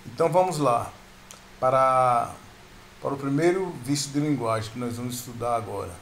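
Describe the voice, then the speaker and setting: A man's voice: medium pitch, normal speed, creaky, fairly bright tone, a little hiss or hum. Man teaching a grammar lesson. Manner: explanatory, repeats and restarts words, addresses viewers as "pessoal".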